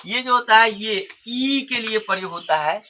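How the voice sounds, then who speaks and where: A man teaching a grammar lesson, explaining slowly and pointing at symbols one by one. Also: sits high. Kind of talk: Hindi grammar lesson at a board. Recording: noisy background with insects.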